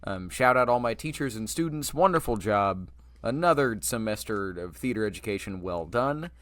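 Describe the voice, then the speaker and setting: A man's voice: on the low side, animated, normal speed, fairly bright tone, no room sound. A young man hosting a casual podcast chat in an upbeat, gushing fan manner. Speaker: podcast host.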